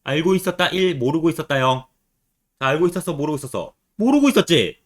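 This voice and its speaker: A man's voice: a little high, big pitch swings, quick pace. A man teaching Korean literature in an exam-prep lecture, constantly quizzing his students with rhetorical questions.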